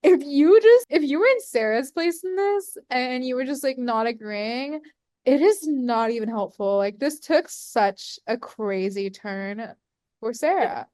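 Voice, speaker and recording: Young woman podcast host; high voice, lively storyteller, dry close sound. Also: unhurried, dry recording. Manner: animated storyteller, laughs often, acts out quotes. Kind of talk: casual chat.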